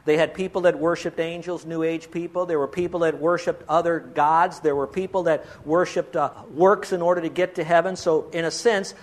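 A man preaching a sermon as pastor, earnest and pleading, asking his listeners rhetorical questions. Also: on the high side.

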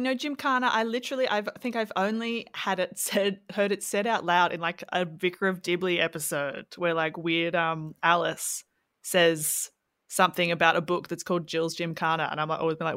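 A woman from Brisbane with an Australian accent co-hosts a podcast, tossing in wry, teasing asides. Her voice is on the low side. The recording sounds dry and close. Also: a bit bright, dry recording. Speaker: podcast co-host. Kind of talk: casual chat.

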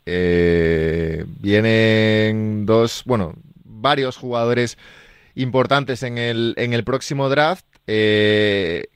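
Male radio host, resonant voice, dry studio mic, friendly and brisk sign-off style. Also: on the low side, clear, resonant tone, no echo. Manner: friendly, brief interjections, wraps up the show. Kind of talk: sports radio talk.

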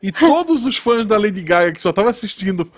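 A man with a Brazilian Portuguese accent chats easily on a podcast. His voice sits high for a man. He tells an anecdote at a relaxed, conversational pace. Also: brisk. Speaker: podcast host. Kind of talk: casual podcast chat.

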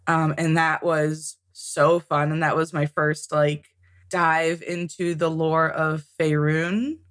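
A woman's voice: deep voice, little pitch movement, takes it slowly. A woman guest in a casual interview, talking about tabletop games, chatty with frequent laughs and ums. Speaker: podcast guest, tabletop game author.

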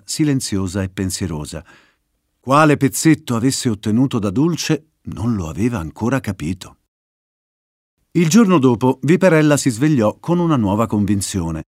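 A man reading a children's story aloud as its narrator, in an expressive storytelling way. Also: mid-range voice, dry recording, clean studio sound.

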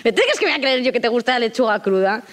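A young woman co-hosting a casual chat podcast, animated and sarcastic, laughing often. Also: fairly high pitch, rapid-fire. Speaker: podcast co-host.

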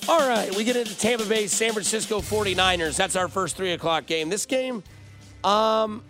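A male sports radio host talking fantasy football picks in an animated, opinionated way, chatting directly with listeners. He speaks from a studio microphone with his voice pitched a bit high, and faint music sits underneath. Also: moderate pace. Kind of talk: fantasy football advice show.

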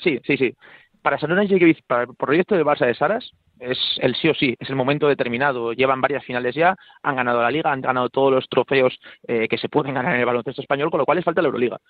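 A man's voice: medium pitch, no room sound. A man phoning into a radio sports debate, racing through his points with emphatic repetition. His voice comes through a narrow, tinny phone line. The sound is dry, with no room around it. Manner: rapid, emphatic, repeats phrases while building points. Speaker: sports pundit.

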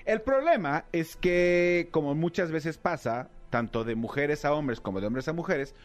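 A man with a Mexican accent, a radio host telling a story in casual chat with animated energy and playful mock voices. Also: fairly high pitch, a little slow, soft background music.

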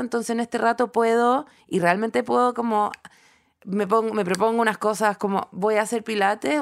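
A Chilean woman in her thirties co-hosting a casual chat, telling stories in an animated, laughing way. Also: on the high side, creaky. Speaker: podcast co-host.

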